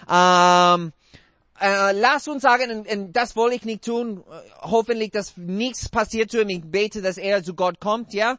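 Male preacher, very high voice, dry close sound, halting non-native German, interactive sermon. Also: a bit bright, no room sound.

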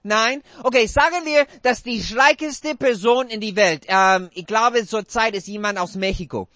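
Male preacher, very high voice, dry close sound, halting non-native German, interactive sermon. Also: pushed and bright, no echo.

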